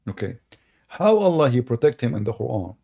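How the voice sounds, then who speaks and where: Hosting a live stream, this Arabic-accented man from the Middle East, a native Arabic speaker, delivers mocking commentary in a sarcastic, teasing way. His mid-range voice is creaky and mellow, very animated and fairly quick.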